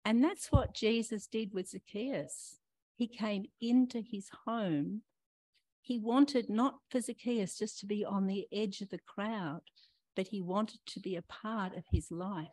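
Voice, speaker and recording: An older woman preaching a gentle, reflective sermon, talking straight to her listeners and asking them questions. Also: mid-range voice, unhurried, no echo. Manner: warm questioning, talks to listeners directly.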